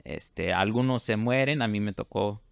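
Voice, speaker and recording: A man from Fort Worth hosts a relaxed interview in a gravelly, creaky voice, recorded dry and close. He talks haltingly, full of fillers and restarts. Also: fairly low pitch, dry recording. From Fort Worth, Texas. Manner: hesitant, many "este" fillers and restarts. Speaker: host. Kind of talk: casual interview conversation.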